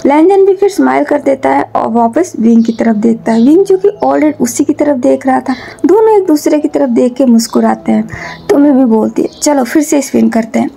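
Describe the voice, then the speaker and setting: A woman narrating a fanfiction story in a steady, plain storytelling way. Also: sits high, moderate pace, creaky.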